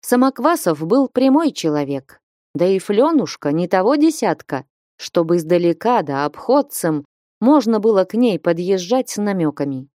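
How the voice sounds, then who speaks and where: A woman narrating a classic novel as an audiobook, in an even, measured storytelling manner. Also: mid-range voice, no room sound, clean studio sound.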